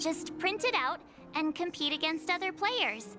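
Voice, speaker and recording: A bright, eager game heroine. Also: female voice, extremely high pitch, very animated, extremely slow, soft background music, full character voice. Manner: cheerful, eager. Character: upbeat young woman adventuring companion. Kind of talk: video game voice acting.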